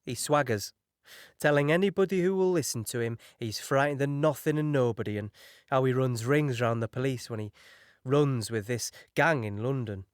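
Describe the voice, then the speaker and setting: An actor playing a young British signaller recounting a beach landing in an audio drama, halting and shaken. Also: male voice, medium pitch, smooth, no echo, clean studio sound, lightly acted. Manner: halting, shaken, recalling horror in present tense.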